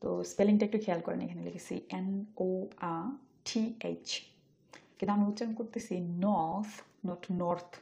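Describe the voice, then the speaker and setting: A woman teaching English pronunciation, saying each word slowly twice and then explaining it. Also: medium pitch, fairly even intonation, vocal fry, dark tone. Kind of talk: spoken language lesson.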